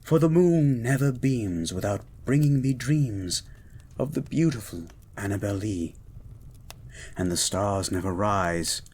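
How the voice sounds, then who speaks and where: A man voicing a gentle, learned mutant beast as a devoted lover, speaking in a slow, hushed, formal and ardent way in a romantic audio roleplay. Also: lowish voice, expressive, breathy edge. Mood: tender, mournful. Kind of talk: romantic poetry reading and intimate audio roleplay.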